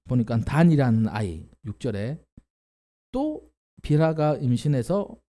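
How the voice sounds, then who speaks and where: Animated pastor with a lively, mellow voice. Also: male voice, mid-range voice, measured pace. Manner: animated storytelling, acts out quoted characters, asks the congregation questions. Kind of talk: Bible teaching sermon. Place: church.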